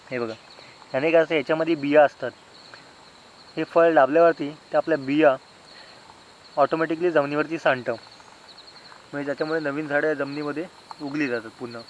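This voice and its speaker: Chatty Konkani Marathi village vlogger. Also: male voice, a little high, highs cut off, a little hiss or hum. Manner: chatty, teasing, shows things to viewers. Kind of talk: casual village vlog narration. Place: outdoors in a village and forest. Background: insects and birds.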